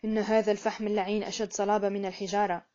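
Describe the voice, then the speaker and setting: A woman voicing a young man running a guesthouse who speaks in a gruff, dismissive way, on a muffled recording. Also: mid-range voice, flat delivery, very fast, dark tone, close to an everyday voice.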